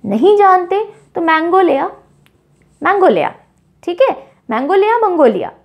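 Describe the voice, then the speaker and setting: A young woman teaching with playful, animated little stories and mnemonic tricks, mixing Hindi and English. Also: very high-pitched, a little slow, muffled recording. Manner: playful, animated storytelling with mini scenes.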